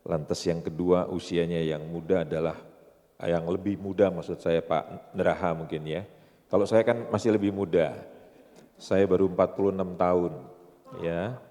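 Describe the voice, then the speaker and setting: A man's voice: deep voice, steady tone, normal speed, dark tone. A pastor in his sixties with an Indonesian accent, giving a seminar sermon full of jokes and rhetorical questions to his audience. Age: 60s. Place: church seminar hall. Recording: long hall reverb.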